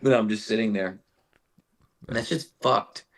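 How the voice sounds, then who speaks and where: A young man, a metal vocalist guesting on a podcast, telling stories in a casual, animated and profane way, saying "bro" constantly. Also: fairly low pitch, unhurried. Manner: animated profane storytelling, says "bro" a lot. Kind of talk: casual chat.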